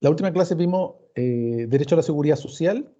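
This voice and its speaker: Here the Chilean law professor's voice sits fairly high, with a dark tone, lively intonation and a fairly quick pace. Lecturing his online class informally, he drives points home through emphatic repetition and plays out questions and answers himself. The recording of the online meeting is dull and muffled.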